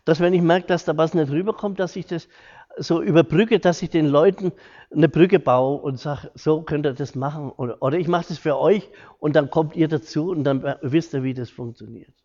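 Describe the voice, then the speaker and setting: A man's voice: fairly high pitch, moderate pace, darkish tone. Earnest man in echoey hall. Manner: earnest, homely, acts out quoted dialogue. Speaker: hospital carer giving a talk. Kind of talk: informal lecture with personal stories. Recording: echoey hall, dull lo-fi sound.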